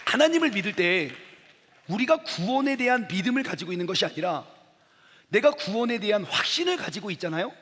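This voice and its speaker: A middle-aged man preaching at a youth camp, acting out dialogue scenes with the crowd. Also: high-pitched. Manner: animated, acts out dialogue with the audience. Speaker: pastor. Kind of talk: lively youth camp sermon with acted skits. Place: large hall. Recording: long hall reverb.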